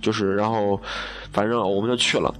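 This young adult from Xi'an, China, a broadcasting student, talks briskly in a fairly low voice with little pitch movement. He spins funny stories in a relaxed monologue, making fun of himself and laughing at his own punchlines.

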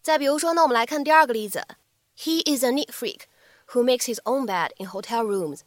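A woman English teacher giving a spoken English lesson, lively, explaining in short chunks and repeating phrases slowly. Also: on the high side, no room sound, clean studio sound.

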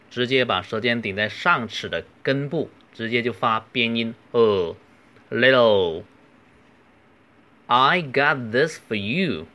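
A man with a Cantonese accent teaching English phrases, reading each line slowly and carefully, then explaining. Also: fairly low pitch, pushed and bright. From southern China. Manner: slow, careful model phrases between quick explanations. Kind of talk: language lesson.

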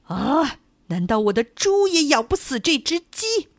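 A woman voicing a greedy, cruel male landlord who shouts angry orders at his servants in a storybook tale. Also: high voice, big pitch swings, measured pace, no room sound, studio quality, voice pushed up, full character voice. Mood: furious.

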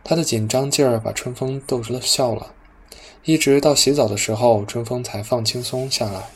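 A man narrating a novel as an audiobook, calm and even. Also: mid-range voice, normal speed, slight background noise.

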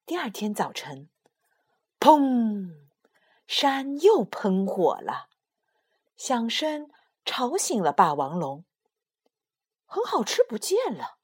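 Slow, gentle woman telling a bedtime story. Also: fairly high pitch, wildly swooping pitch, slightly rough. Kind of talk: children's bedtime story narration.

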